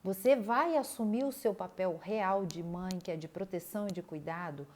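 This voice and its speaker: A woman's voice: medium pitch, normal speed, a little mellow, a little hiss or hum. Earnest older Brazilian woman with fillers. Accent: Brazilian Portuguese. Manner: earnest, repeats words, hesitant fillers. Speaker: body analysis therapist. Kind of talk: casual talk to viewers.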